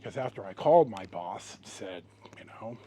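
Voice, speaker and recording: Sharing a personal story with his viewers, this middle-aged vlog host rambles and halts, leaning on dramatic pauses and emphasis. His voice is fairly low, warm, and animated, and his tone stays casual.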